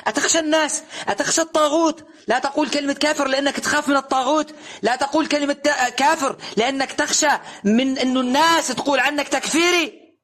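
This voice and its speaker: Male preacher, very high bright voice, insistent and rhetorical. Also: fast. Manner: insistent, rhetorical questioning, emphatic recitation. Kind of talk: recorded religious lesson.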